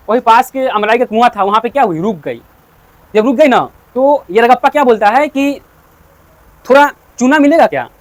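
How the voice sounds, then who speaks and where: A man teaching a story to students, asking and answering his own questions and repeating points. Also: sits high.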